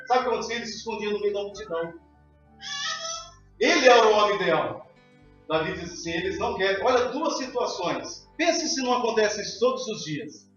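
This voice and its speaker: High-voiced preacher in an echoey church. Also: male voice, fairly bright tone. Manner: emphatic preaching, repeated calls to the congregation. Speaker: pastor. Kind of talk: sermon. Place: church hall. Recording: echoey hall, distant, dull sound, faint music.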